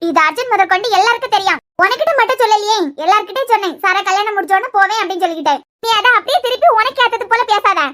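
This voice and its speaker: Feuding young women from a cartoon serial, voiced by a woman with a Kanyakumari Tamil accent. The voice is very high and bright, with a sharp, forceful edge. The talk is rapid, and the arguing is heated and reproachful. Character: quarrelsome young women in a family feud. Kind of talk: cartoon dialogue acting.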